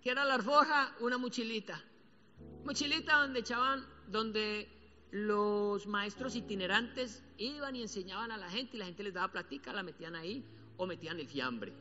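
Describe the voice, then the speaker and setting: A man with a Colombian accent preaching a sermon as a pastor, colloquial and animated, acting out quotes as he tells stories. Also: high voice, slight background noise. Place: church. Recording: church hall reverb, dull sound, soft music behind.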